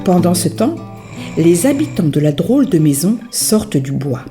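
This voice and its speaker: A woman storyteller reading a children's story aloud in an expressive, sing-song manner. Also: lowish voice, moderate pace, over music.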